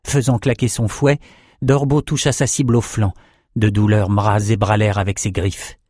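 A man's voice: lowish voice, level tone, normal speed, a little mellow, no echo, studio quality. Man narrating a fantasy audiobook.

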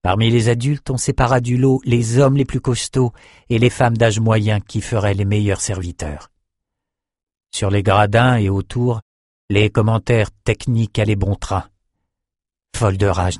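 Male audiobook narrator, measured, dry close sound. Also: on the low side, fairly even intonation, a little mellow, no echo.

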